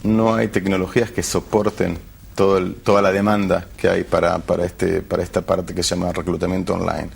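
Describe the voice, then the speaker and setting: A man's voice: low-pitched, level tone, brisk, vocal fry, slightly rough. A man, a tech company founder who hesitates and restarts often as he searches for words in a TV interview. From Argentina. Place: television studio.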